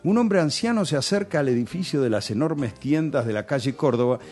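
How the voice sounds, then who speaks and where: A man with a Rioplatense accent recounts nostalgic stories on a radio show, chatty and full of local slang, with faint music underneath. His mid-range, darkish voice is expressive and brisk.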